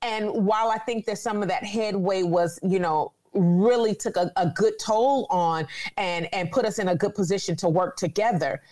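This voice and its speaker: A woman's voice: medium pitch, moderate pace, few pauses, a little mellow. A woman in her forties from California, speaking earnestly and reflectively in a conversational interview. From Sacramento, California.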